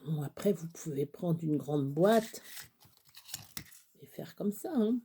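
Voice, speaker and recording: A woman chatting casually through a crafting tutorial, rambling and halting with many fillers, sometimes dropping to a whisper. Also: sits low, lively intonation, warm tone, slight background noise. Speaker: craft vlogger.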